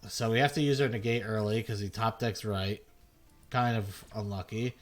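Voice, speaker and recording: A man's voice: on the low side, fairly even intonation, moderate pace, soft background music. A man giving loose, self-mocking gameplay commentary as a video host, swearing freely. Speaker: gaming content creator.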